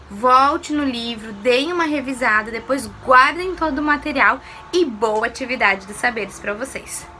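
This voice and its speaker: A woman's voice: on the high side, sharp tone, a little hiss or hum. A woman teacher giving a recorded lesson to primary pupils, explaining patiently step by step and asking them questions.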